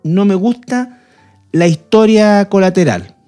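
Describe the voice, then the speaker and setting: Married guy explaining stuff earnestly, mellow warm tone, restarts a lot. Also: high voice, slow pace, smooth, faint music behind. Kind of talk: casual discussion.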